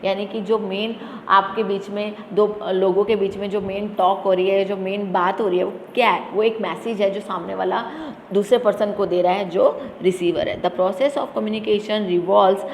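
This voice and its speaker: A woman teacher explaining a lesson to students, asking questions and answering them herself, and reading English definitions slowly. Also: medium pitch, fairly even intonation, darkish tone. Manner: addresses students as "beta". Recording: echoey room with faint background noise.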